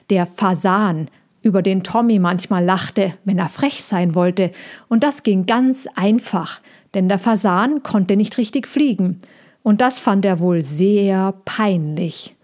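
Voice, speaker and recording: A woman narrating a children's storybook in a gentle, even way. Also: medium pitch. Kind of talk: storybook reading.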